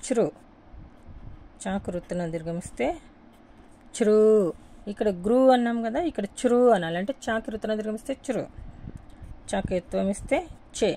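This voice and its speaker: A patient woman teaching a writing lesson step by step, repeating each point as she writes it out. Her voice is low-toned and gravelly with a soft, dark edge. A faint hiss of room noise sits behind her.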